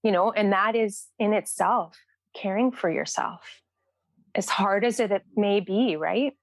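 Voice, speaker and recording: A woman's voice: medium pitch, unhurried, dry recording. A woman nurse from Canada, speaking earnestly in a podcast interview and often repeating phrases as she searches for words. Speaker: nurse guest. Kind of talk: podcast interview, personal reflection.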